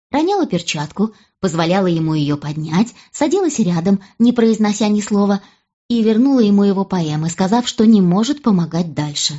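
Husky woman narrating an audiobook. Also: medium pitch, mellow, dull audio. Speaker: audiobook reader. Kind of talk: scripted first-person narration.

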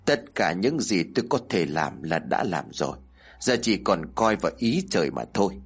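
A man voicing a solemn old male village sorcerer who speaks slowly and low, with a husky tone. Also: very animated, full character voice. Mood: resigned.

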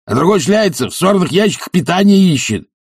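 A man voicing a crude, boorish young man who was once a dog, with a coarse, gravelly manner in an audiobook. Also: sits high, sing-song, fairly quick, no echo, studio quality, voice pushed up, heavily acted. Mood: grumbling. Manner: coarse, sulky, grumbling. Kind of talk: audiobook character voice.

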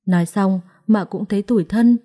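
Female storyteller, dark mellow tone, expressive dramatic narration of a serialized story. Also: mid-range voice, moderate pace.

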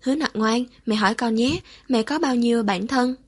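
A woman's voice: on the high side, normal speed, slightly rough. A woman voicing a cruel, curious young woman interrogator who coaxes in a falsely motherly way while staying cold underneath. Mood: coaxing.

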